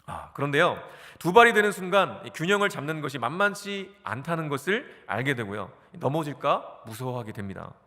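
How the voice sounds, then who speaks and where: A man's voice: on the high side, brisk, hardly any pauses, in a large hall. A male pastor in his forties giving a sermon in a church, asking his listeners questions and answering them himself. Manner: animated, asks the congregation questions and answers them. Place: church sanctuary.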